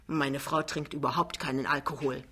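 A woman voicing a sullen, stern young man who speaks gruffly and curtly in an audiobook reading. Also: rumbling low, steady tone, normal speed, pushed and bright, pitched below the performer's own voice, exaggerated voice. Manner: gruff, curt.

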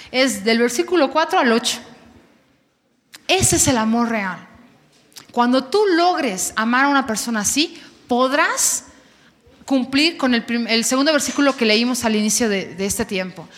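A woman's voice: a little high, a bit bright. A Mexican woman in her thirties preaching to young people at a church service, candid and conversational, repeating words for emphasis. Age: 30s. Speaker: youth preacher. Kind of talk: sermon with personal testimony. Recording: long hall reverb.

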